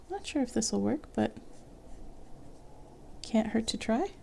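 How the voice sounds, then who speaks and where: A young woman quietly musing to herself as she draws, half-whispering and a bit hoarse from losing her voice. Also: on the high side, expressive, slow pace, a little hiss or hum. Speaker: artist vlogger. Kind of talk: soft-spoken drawing commentary.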